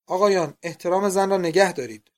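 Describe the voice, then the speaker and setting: A man's voice: fairly high pitch, expressive, dark tone. A man reading the part of a timid older lodger who protests with earnest politeness. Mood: indignant. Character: timid older male lodger, suddenly gallant.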